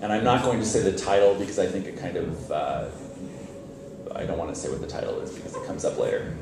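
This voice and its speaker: A deep-voiced man reads his first-person story at a literary event, animated and quick-paced, with a wry, conversational delivery and the occasional stumble. It's a live stage reading captured by a distant mic in a very echoey hall, with faint background noise.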